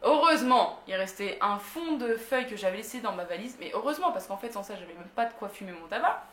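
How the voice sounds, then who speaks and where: A woman's voice: mid-range voice, animated, quick pace, a bit bright. A young woman from France telling a story in a casual, slangy way, laughing often. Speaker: vlogger. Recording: roomy echo.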